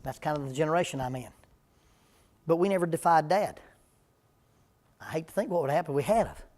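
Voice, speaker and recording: A man's voice: a little high, brisk, a little mellow. A man, a preacher leading a parenting seminar in plain-spoken, humorous talk before a live church audience.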